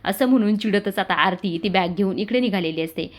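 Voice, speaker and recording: A woman's voice: medium pitch, a little fast. Woman retelling a serial episode. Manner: storytelling, voices every character. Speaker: serial recap narrator.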